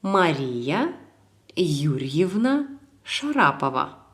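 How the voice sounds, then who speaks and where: Slow, low-voiced woman teaching a lesson. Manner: calm, clear instructional delivery, repeats words for practice. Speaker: language teacher. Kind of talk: recorded language lesson.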